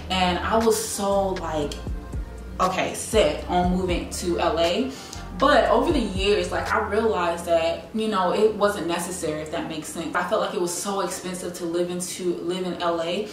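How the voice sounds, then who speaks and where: A YouTube content creator in her late twenties from South Carolina chats casually to camera in her living room at home, talking to viewers as if they were her girlfriends. She has a lowish voice, and the recording is echoey, with a distant mic and background music.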